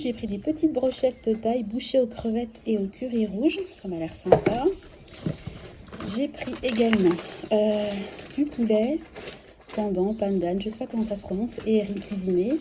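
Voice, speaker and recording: A woman in her thirties with a French accent, chatting casually through a grocery unboxing vlog, correcting herself often and filling pauses with "euh". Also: mid-range voice. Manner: chatty, self-correcting, many fillers. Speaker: vlogger. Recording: clear background noise.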